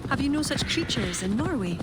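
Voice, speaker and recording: A grave pagan lore-keeper. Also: female voice, sits high, sing-song, brisk. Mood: earnest. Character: earnest Irish pagan woman, lore-keeper. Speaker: Irish ally in a Viking game. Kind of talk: video game cutscene dialogue. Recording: game audio under loud ambient noise.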